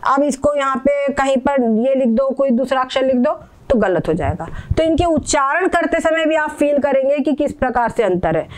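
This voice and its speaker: A woman teaching Sanskrit pronunciation, patiently explaining and repeating words slowly while checking that learners follow. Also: high-pitched, expressive.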